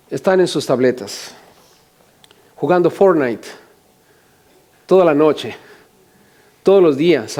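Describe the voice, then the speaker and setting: A man's voice: high-pitched, darkish tone. An older male pastor preaching a sermon, often asking the congregation questions and adding joking asides.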